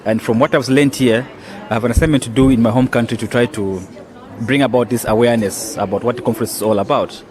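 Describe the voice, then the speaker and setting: A man's voice: medium pitch, fairly even intonation, quick pace, darkish tone. A young man, a student volunteer, giving a hesitant interview statement full of fillers. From Zambia.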